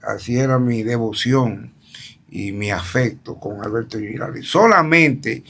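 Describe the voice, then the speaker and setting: Gravelly older Dominican man telling a story. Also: medium pitch, unhurried. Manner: animated, acts out quoted dialogue. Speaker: politician guest. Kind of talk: storytelling interview.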